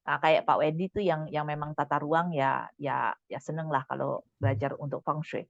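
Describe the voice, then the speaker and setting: A woman's voice: low-pitched, fairly even intonation, moderate pace, gravelly, no room sound, lo-fi sound. A woman teaching a Mandarin lesson online, explaining patiently with frequent "eh" fillers.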